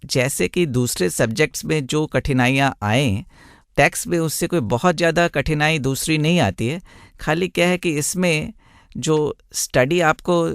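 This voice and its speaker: A man, a blind tax consultant, answering radio interview questions in a measured, explanatory way with many examples. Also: a little high, dry recording, clean studio sound.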